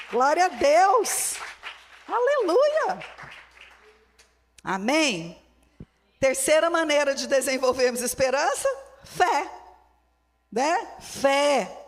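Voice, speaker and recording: A Brazilian woman pastor preaching a sermon with a Brazilian Portuguese accent, fervent and emphatic, repeating her key phrases. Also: high voice. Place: church hall. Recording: long church-hall reverb.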